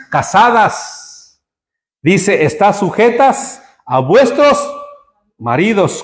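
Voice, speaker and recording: A man preaching a sermon to his congregation, joking with them and building to emphatic high peaks. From Spain. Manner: humorous, rising to emphatic peaks. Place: church hall. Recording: echoey church hall.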